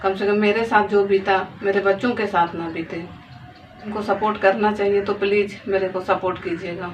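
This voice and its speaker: A woman's voice: mid-range voice, steady tone, normal speed, soft background music. A woman in her thirties, a mother of two daughters, telling her story and pleading earnestly, repeating phrases as she speaks. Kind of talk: emotional personal testimony to camera. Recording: distant, dull lo-fi phone audio with faint noise.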